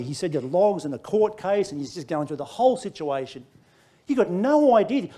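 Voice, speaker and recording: A middle-aged Australian man preaching, telling a personal story with lively, laughing delivery. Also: high voice. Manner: animated storytelling, laughing through lines. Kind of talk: sermon testimony.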